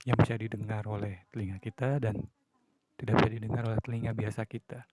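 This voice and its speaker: A man's voice: lowish voice, little pitch movement, fast, heavy background noise. A man talking casually on his own podcast, musing and acting out examples of moods and a late-night radio host. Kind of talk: casual solo talk.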